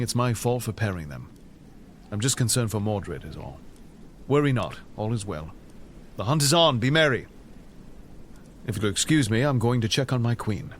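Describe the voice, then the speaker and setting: Man acting King Arthur, noble and animated. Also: on the low side, a little hiss or hum, lightly acted. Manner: measured, commanding, reassuring. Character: noble, kindly, authoritative king of legend. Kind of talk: audio drama acting.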